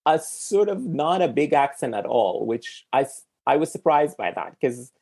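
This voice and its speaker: Gravelly-voiced man hosting a film podcast. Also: fairly high pitch, very animated, normal speed, darkish tone. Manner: hesitant, thinking aloud with many fillers. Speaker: podcast host. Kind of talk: casual film discussion.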